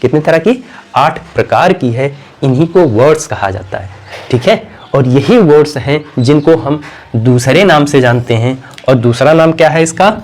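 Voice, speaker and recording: Male teacher, a bit high-pitched, quizzes and repeats, throat-clearing habit. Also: animated, normal speed, a little mellow. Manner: asks questions and answers them himself, repeats key words; clears his throat now and then. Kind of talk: classroom grammar lesson.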